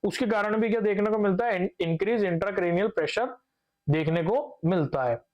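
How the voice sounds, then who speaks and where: A man's voice: high-pitched, fairly quick, dull audio. A young man teaching a nursing class, asking his own questions and answering them, repeating key terms and mixing in English medical words. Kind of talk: classroom lecture.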